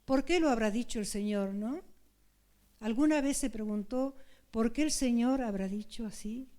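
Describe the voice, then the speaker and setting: A woman's voice: on the high side, normal speed, warm tone. An older woman from Argentina with an Argentine Spanish accent, preaching an earnest, pleading sermon with many repeated phrases.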